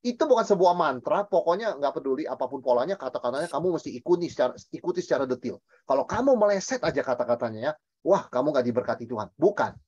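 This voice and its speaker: A man, a pastor, teaching a Bible study in a lively, emphatic way, asking and answering his own questions and mixing in English words. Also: a little high, quick pace, breathy edge, no room sound, muffled recording.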